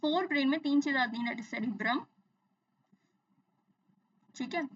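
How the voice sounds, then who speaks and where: Brief: bright, high-pitched young woman teacher, drilling terms by repetition; slightly distant, dull mic. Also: lively intonation, a little slow. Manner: explains in Hindi mixed with English, repeats terms, asks and answers own questions. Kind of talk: exam-focused science lesson.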